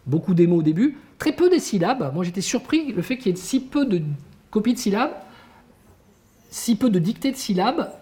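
At a teachers' conference, a man lecturing as an education researcher talks at a normal speed in a high voice. His delivery is lively and forceful, full of rhetorical questions aimed at the listeners.

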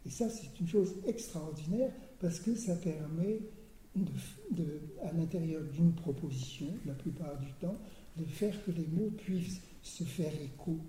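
An older man giving an academic lecture, hesitant, repeating words and often clearing his throat. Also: fairly high pitch, unhurried, mellow, a little hiss or hum. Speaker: lecturer on Persian poetry. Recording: roomy hall sound.

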